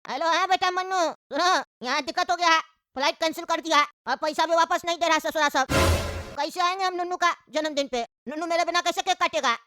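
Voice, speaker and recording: A woman's voice: very high voice, fast, sharp tone, no room sound. A woman voicing a grumpy, quarrelsome old grandfather in a cartoon, scolding and indignant. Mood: angry. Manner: scolding, indignant, rustic talk. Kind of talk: cartoon voice acting.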